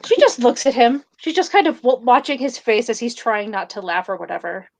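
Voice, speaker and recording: A woman in a tabletop role-play, narrating her character's actions and speaking as her, with halting restarts and fillers. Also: fairly high pitch, sing-song, creaky, darkish tone.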